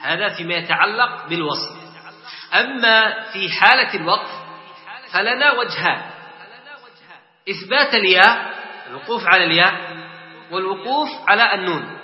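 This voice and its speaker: A man teaching Quran recitation. He gives brief spoken explanations between slow, melodic chanted verses for his class to repeat. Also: high voice, animated. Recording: echoey hall, dull lo-fi sound.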